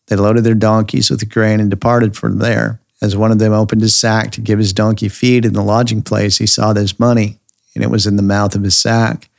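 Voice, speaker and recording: A man's voice: on the low side, vocal fry, no room sound, clean studio sound. A man steadily reading scripture aloud for a daily reading podcast. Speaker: scripture reader.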